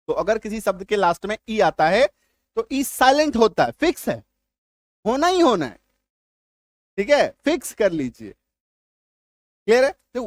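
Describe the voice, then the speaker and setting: A man teaching an English reading lesson in a classroom style, slowly drilling pronunciation and often asking if it is clear. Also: high-pitched, no room sound. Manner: keeps checking understanding with questions.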